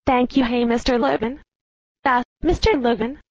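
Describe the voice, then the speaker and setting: A woman's voice: a little high, steady tone, normal speed, highs cut off, slight background noise, pitched above the performer's own voice, natural voice. A woman voicing a polite, eager little girl in a storybook tale, sweet and earnest.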